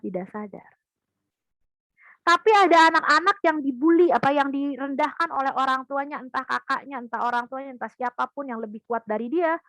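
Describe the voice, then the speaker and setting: A woman's voice: high-pitched, dry recording, poor audio. A woman giving a parenting talk in an online seminar, telling stories with energy and speaking straight to the parents. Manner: lively storytelling, addressing parents directly.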